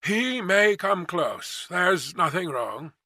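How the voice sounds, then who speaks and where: Man acting a polite gentleman, slightly quavering voice. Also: high-pitched, very animated, takes it slowly, no echo, clean studio sound, pitched above the performer's own voice, exaggerated voice. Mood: reassuring. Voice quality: mildly quavering.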